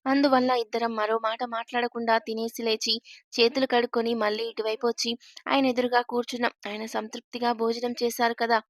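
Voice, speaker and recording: Woman storyteller, even steady reading, fairly high voice, very little pitch movement, dry close sound. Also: fairly quick, no echo. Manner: steady, even reading of a first-person tale. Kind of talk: scripted story narration.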